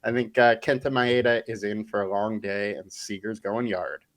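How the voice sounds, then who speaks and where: A man's voice: lowish voice, steady tone, normal speed, fairly bright tone, no echo. A man co-hosting a sports betting show, giving a baseball pick in a confident, matter-of-fact way. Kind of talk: scripted sports betting picks.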